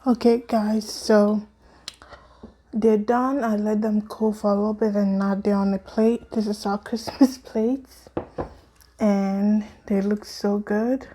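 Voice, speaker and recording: Chatty woman home cook, mellow voice. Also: medium pitch, steady tone, slow pace, a little hiss or hum. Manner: chatty, lots of fillers, addresses viewers as guys; talks with mouth full at times. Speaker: home cooking vlogger. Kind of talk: casual cooking vlog.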